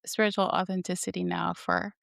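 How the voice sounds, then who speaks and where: A woman's voice: fairly low pitch, level tone, fairly quick, vocal fry, fairly bright tone, no room sound, studio quality. A woman co-hosting a podcast who opens with a scripted welcome and then interviews her friend, prompting her with encouraging questions.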